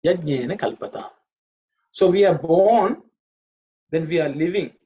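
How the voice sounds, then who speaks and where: A man's voice: high-pitched, unhurried, mellow. A man teaching a Sanskrit class online, patiently repeating each word's pronunciation and explaining its meaning. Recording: dull lo-fi audio.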